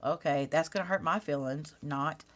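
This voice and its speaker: Deep-voiced and speaking at a moderate pace, a card-making host demonstrates live. She keeps up relaxed chat with viewers, laughing at herself and teasing her own work.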